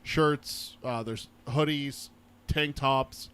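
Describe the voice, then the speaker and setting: A man's voice: mid-range voice, fairly even intonation, drawn-out words, a bit bright, smooth. A man co-hosting a podcast, speaking in a casual, informal, teasing way. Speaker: podcast co-host.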